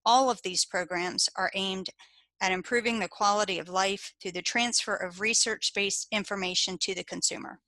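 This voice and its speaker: A woman with an American accent reading a scripted slideshow narration as an extension educator, in a steady, informative way. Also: mid-range voice, normal speed, no room sound.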